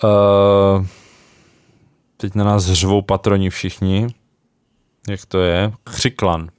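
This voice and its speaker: A man's voice: low voice, little pitch movement, clean tone, dry recording, clean studio sound. A young man co-hosting a casual book chat, thinking aloud with small hesitations. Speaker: podcast co-host.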